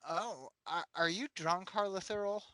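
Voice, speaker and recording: A man's voice: sits high, unhurried, pushed and bright, low-quality recording. A man playing in a tabletop game, asking friendly, easygoing questions. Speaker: player. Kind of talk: tabletop role-play.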